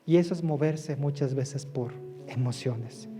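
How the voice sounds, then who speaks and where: A male pastor preaching emphatically, swinging between loud calls and soft asides. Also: mid-range voice, a little slow, faint music behind. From Ecuador. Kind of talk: sermon.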